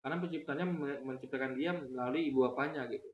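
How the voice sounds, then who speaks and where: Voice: medium pitch, quick pace. Chatty commentator in an echoey room. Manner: lively, keeps asking the viewers rhetorical questions. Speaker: religious commentator. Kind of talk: casual commentary vlog. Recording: roomy echo, faint noise.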